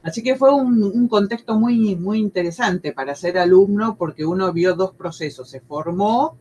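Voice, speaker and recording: A woman in her sixties from Argentina with a Buenos Aires province accent, a history teacher speaking as an interview guest and recalling her schooling, often pausing with fillers and restarting. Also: mid-range voice, darkish tone, slight background noise, low-quality recording. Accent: Argentine Spanish, Buenos Aires province. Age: 60s. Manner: hesitant, many fillers and restarts. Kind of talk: conversational interview.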